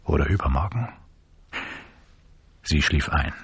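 A man narrating an audiobook in a measured storytelling manner. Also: very deep voice, animated, creaky, husky, no room sound.

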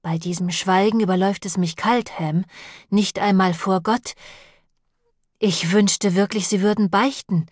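A woman's voice: mid-range voice, fairly even intonation, measured pace, darkish tone, slightly rough, dry recording, studio quality. A woman reading the lines of a nervous, whining priest in an audiobook, plaintive and fretful in tone. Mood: agitated. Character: nervous, whining long-nosed priest man.

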